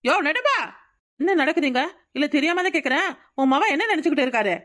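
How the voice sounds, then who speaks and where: A woman's voice: high voice, lively intonation, fairly bright tone. A young woman voicing a sarcastic, bickering wife in a cartoon family drama. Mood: complaining. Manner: bickering, sarcastic, quick retorts. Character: young wife, sharp-tongued and lazy. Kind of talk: cartoon voice acting.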